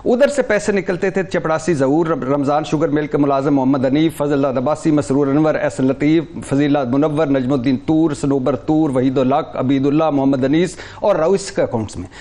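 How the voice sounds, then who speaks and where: Brief: higher-voiced man, heated studio debater, rattles off names, stumbles and restarts. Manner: animated, lists names rapidly with restarts. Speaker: talk show guest. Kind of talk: heated political talk.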